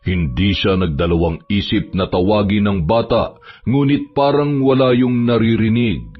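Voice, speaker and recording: Husky, low-voiced male horror storyteller. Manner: steady, measured reading. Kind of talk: scripted horror story narration. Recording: dull lo-fi with background music.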